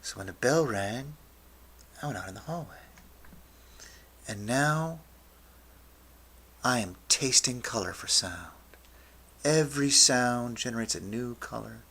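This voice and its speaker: A man in his fifties telling a story on stage, slow and dramatic, dropping to whispers and then rising to loud outbursts. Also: medium pitch, lively intonation, breathy edge. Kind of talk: spoken-word storytelling.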